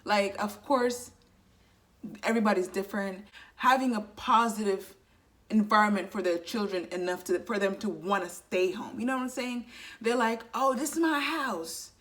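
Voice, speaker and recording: A woman's voice: mid-range voice, moderate pace, a bit bright. A woman in her twenties giving earnest, chatty advice to camera and filling her talk with "you know" asides. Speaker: vlogger.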